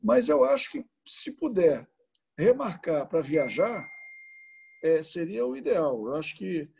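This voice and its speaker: A man's voice: high-pitched, big pitch swings, measured pace, creaky, darkish tone, slight background noise. A man speaking as a guest on a video call, answering questions with many hesitations and restarts. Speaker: tourism association president, guest speaker. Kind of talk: answering questions in an online talk.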